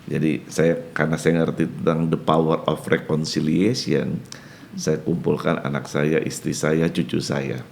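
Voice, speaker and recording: An older man, a pastor, talking on a podcast and telling personal stories in a warm way, often turning to address the host. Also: very deep voice, level tone, a little slow, gravelly, slight background noise. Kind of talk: podcast conversation.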